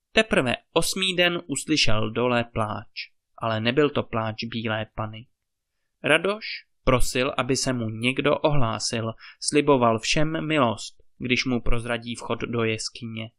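A man reading a fairy tale aloud as a storyteller, in calm, measured narration. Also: medium pitch.

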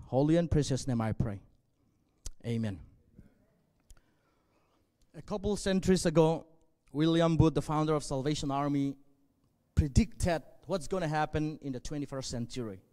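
Earnest pastor, Zomi native, hall reverb. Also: male voice, on the high side, warm tone. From northwest Burma. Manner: earnest, measured, with frequent pauses and fillers. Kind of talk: sermon. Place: church stage, indoors. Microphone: handheld.

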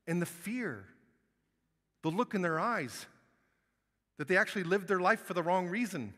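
A man preaching a sermon as a guest speaker, telling a vivid story that moves between hushed and loud. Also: high voice, animated, moderate pace. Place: church sanctuary. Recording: long hall reverb.

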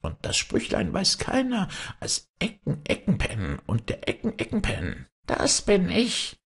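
A squawky, thin-voiced kobold, crafty and full of spite, as heard in a storybook reading. The voice sits far above a normal speaking voice and swings widely from word to word. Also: male voice, sits high, wildly swooping pitch, measured pace, creaky, husky, voice pushed up, exaggerated voice. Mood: gloating. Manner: crafty, gloating.

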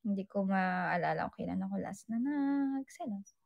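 A woman's voice: medium pitch, animated, normal speed, creaky, dull audio. A young woman in casual chat, candidly sharing relationship advice with her viewers and switching freely between Tagalog and English. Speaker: vlogger answering viewer questions.

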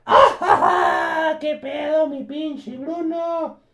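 A man's voice: extremely high pitch, a little slow, darkish tone, voice pushed up. A man voicing a crude, cackling Joker with a Mexican accent, full of vulgar slang. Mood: mocking, gloating. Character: cackling crude male Joker, mocking villain. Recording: roomy home recording.

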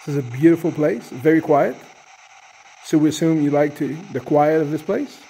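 A man leading a paranormal session with casual, halting questions addressed to spirits, pausing between short phrases. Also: fairly high pitch, gravelly, mellow. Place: inside a large underground cave. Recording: noisy handheld cave recording.

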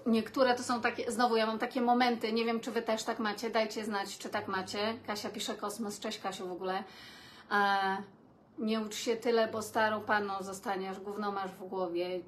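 On her casual live stream, a woman with a mid-range voice speaks at a moderate pace and level tone, addressing viewers as "kochani." She reads their comments out and responds chattily, with laughs and sighs, over faint background noise.

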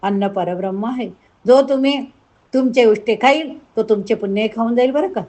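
A woman's voice: fairly high pitch, normal speed, a little mellow, lo-fi sound. A woman retelling a devotional scripture story, adding preachy asides to her listeners.

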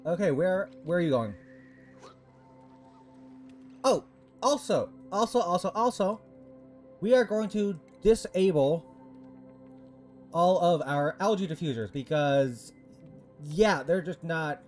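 A man's voice: high voice, animated, slow pace, pauses often, darkish tone, soft background music. A man giving casual gameplay commentary, talking to himself and scolding his in-game characters, frantic and exasperated, now and then swearing. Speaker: gaming streamer.

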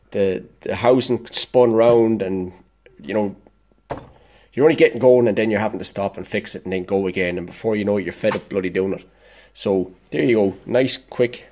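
Man, low voice, stuffy and congested, blunt DIY how-to talk, workbench in a workshop. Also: a little mellow, a little hiss or hum. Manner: blunt, plain-spoken, swears casually. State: congested, dosed up with illness. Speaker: DIY vlogger. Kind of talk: casual how-to explanation.

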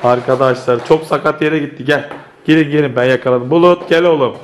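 Hoarse, playful dad filming his kids. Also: on the high side, fairly even intonation, a little fast. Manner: playful, laughing, coaxing the children. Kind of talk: casual family vlog commentary. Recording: noisy home recording.

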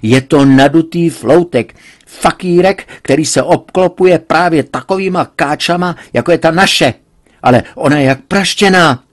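A hot-tempered middle-aged father bellows and blusters, his voice jumping high and loud with indignation, as a male reader acts him out. He sounds overprotective and fuming, straight from a storybook reading. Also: huge pitch swings, few pauses, slightly rough, heavily acted. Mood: furious.

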